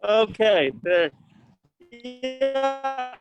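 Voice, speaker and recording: A man with a fairly high voice speaks over a call line that keeps breaking up and dropping out. He talks while walking to a meeting and keeps asking whether he can be heard. Faint guitar music plays underneath. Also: lively intonation, extremely slow, dull audio. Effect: patchy call line breaking up and dropping out. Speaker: politician joining a panel remotely. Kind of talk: panel discussion over a call.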